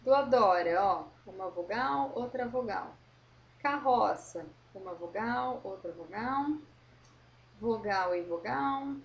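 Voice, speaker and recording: A woman teacher correcting a worksheet for young pupils, slowly modelling words and explaining patiently. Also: medium pitch, animated, creaky, highs cut off. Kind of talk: correcting a school worksheet for children.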